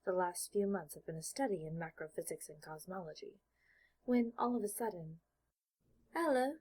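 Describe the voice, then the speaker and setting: A woman with a slightly husky, lowish, dark-toned voice narrates a work of fiction, reading scripted present-tense prose like an audiobook storyteller. She reads fairly quickly, and the recording is rough.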